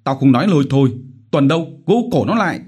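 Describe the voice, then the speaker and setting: A man voicing a brutal, bullying village chief who shouts threats and curses. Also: medium pitch, very animated, moderate pace, slightly rough, pitched above the performer's own voice. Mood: furious.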